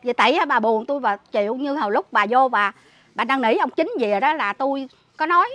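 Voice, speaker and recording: Bright, indignant southern Vietnamese woman. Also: high-pitched, lively intonation, brisk, no echo. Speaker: interviewee, relative caring for a sick man. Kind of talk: emotional spoken account.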